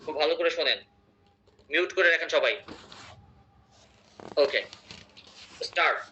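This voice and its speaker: A man runs an online English lesson. His voice sits a little high and sounds very bright and sharp. He explains patiently and keeps asking whether the class is following. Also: measured pace, lo-fi sound, slight background noise. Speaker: English teacher.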